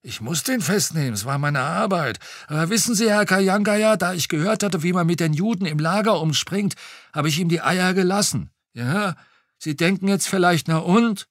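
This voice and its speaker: Performed by a man, a keen old retired policeman speaks up high and loud, his voice leaping about as he brags in an audiobook reading. The sound is close and dry, with no room around it. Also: lively intonation, moderate pace, no room sound. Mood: boastful. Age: older. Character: eager old retired male policeman, boastful.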